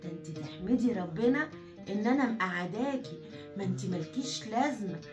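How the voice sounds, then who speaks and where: A woman's voice: mid-range voice, lively intonation, a little fast, darkish tone, distant mic, lightly acted. A woman with an Egyptian accent playing a bossy, belittling mother-in-law in a comedy sketch. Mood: scornful. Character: harsh scolding Egyptian mother-in-law, middle-aged. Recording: echoey room with music behind.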